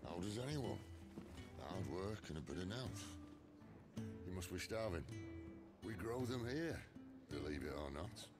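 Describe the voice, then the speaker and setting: Raspy middle-aged rebel leader, deep rumbling voice, dry wry delivery, animated intonation, video game dialogue. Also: male voice, over loud music. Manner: dry, measured, knowing.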